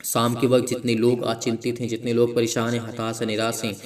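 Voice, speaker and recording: Male pastor, sermon delivery, piles up short repeated phrases and lifts into emphatic quotes; mid-pitched, mic set back a little. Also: completely flat delivery, a little fast, a little mellow, recorded from a distance.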